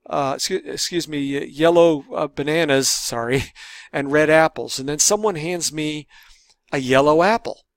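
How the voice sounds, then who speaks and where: A man's voice: a little high, measured pace, dry recording, clean studio sound. A man giving a recorded course lecture, rambling a little, with many fillers and restarts. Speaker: college lecturer.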